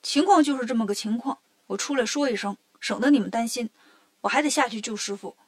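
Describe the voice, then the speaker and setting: Woman voicing a cheeky monkey king, storybook, brisk joking talk, fairly high voice. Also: lightly acted. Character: cheeky clever male monkey king hero.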